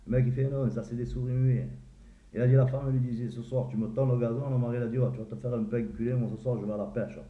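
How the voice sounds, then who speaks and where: A man's voice: mid-range voice, steady tone, fast. Tinny echoey man telling jokes. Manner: laughs at his own jokes, acts out characters with voice shifts. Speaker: joke teller. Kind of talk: casual joke telling. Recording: echoey, tinny phone-like sound.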